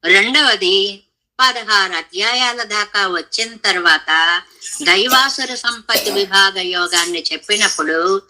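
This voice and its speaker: A woman's voice: mid-range voice, a little slow, bright, forceful tone, poor audio. A middle-aged woman giving a devotional scripture discourse, explaining the text and chanting Sanskrit verses. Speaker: religious teacher.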